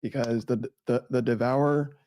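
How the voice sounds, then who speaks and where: A young man co-hosting a podcast, talking casually in halting bursts full of likes. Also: medium pitch, fairly even intonation, dark tone, no echo. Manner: halting with many likes and restarts. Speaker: podcast co-host. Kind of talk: casual chat.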